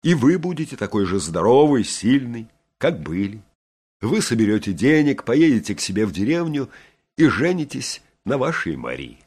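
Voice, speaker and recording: A man voicing a gentle, weary young woman who speaks softly and reassuringly. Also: mid-range voice, very animated, moderate pace, breathy edge. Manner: soft, reassuring.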